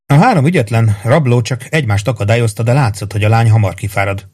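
A man reading a fantasy novel aloud in a measured, even storytelling manner. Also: medium pitch, breathy edge. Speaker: audiobook narrator. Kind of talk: scripted narration.

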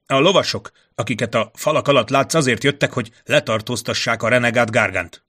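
Voicing a jittery, courtly ambassador, this man speaks at medium pitch with a sharp edge. He stutters, shakes, and keeps stalling on hesitant filler words.

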